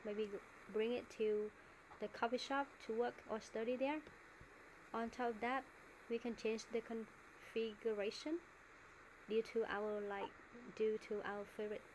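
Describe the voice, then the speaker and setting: A woman's voice: a little high, steady tone, unhurried, slight background noise. A woman teacher with a Vietnamese accent coaching students in an online English speaking class, modelling answers and explaining words.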